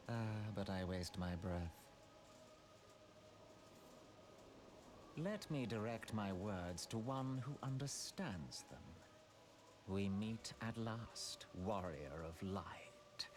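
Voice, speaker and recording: A man playing an arrogant, coldly mocking sorcerer villain in a video game, speaking with slow theatrical menace and pompous archaic diction. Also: on the low side. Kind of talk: scripted video game voice acting.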